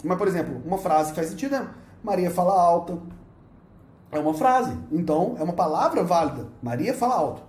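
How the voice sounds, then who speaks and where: A man with a Brazilian Portuguese accent teaching a recorded university lecture, playful and animated, often checking in with his students. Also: high-pitched, a little fast, roomy sound.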